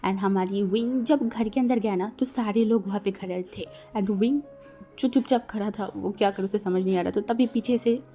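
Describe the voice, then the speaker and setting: A woman's voice: medium pitch, moderate pace, dark tone. A woman reading a fan-fiction story aloud in a chatty, casual way, mixing in English words. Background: faint music.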